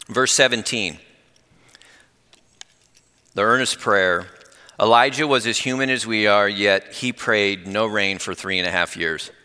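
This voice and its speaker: A middle-aged man giving a conversational sermon with personal testimony, earnest and growing excited, speeding up when fired up. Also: fairly low pitch, measured pace, pauses often, clear, resonant tone. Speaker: lay preacher. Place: church. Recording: long reverb in a church hall.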